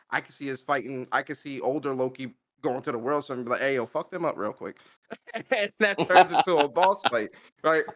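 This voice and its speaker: A man co-hosting a casual podcast, excitable and laughing often, repeating himself as he gets hyped. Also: mid-range voice. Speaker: podcast co-host.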